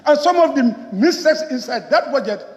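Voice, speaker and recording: A woman's voice: high-pitched, expressive, normal speed, a little mellow. A woman member of parliament with a Gambian accent gives an emphatic, rhetorical parliament speech, repeating phrases for weight. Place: large parliament chamber. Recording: echoey, reverberant hall, muffled.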